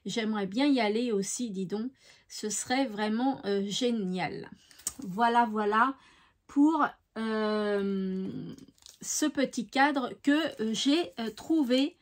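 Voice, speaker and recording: Speaking slowly, this high-voiced woman with a regional French accent runs a craft vlog and addresses her audience in a relaxed, chatty way. Her mood is bright and eager, and "voilà" keeps popping up among her many fillers.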